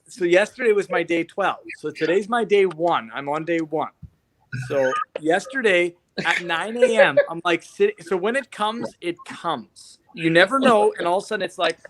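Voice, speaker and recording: A man's voice: sits high, normal speed, fairly bright tone, a little hiss or hum. A man hosting a podcast, telling a story in casual chat and laughing often. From Canada. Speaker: podcast host.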